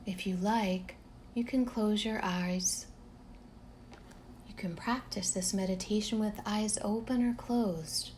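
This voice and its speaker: Long pauses separate each phrase as a woman leads a guided relaxation meditation in a calm, gentle, leisurely way. Her voice is medium in pitch, and there is a little background noise.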